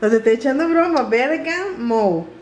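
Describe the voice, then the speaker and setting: A woman's voice: fairly high pitch, expressive, unhurried, slight background noise. Chatty Venezuelan woman vlogging at home. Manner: chatty, playful and exclamatory. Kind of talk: casual home vlog. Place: home, indoors.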